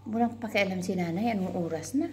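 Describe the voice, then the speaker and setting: A woman's voice: mid-range voice, fast talker, noisy background. A woman vlogger in a casual chat, animatedly telling a story and acting out how she scolded a child.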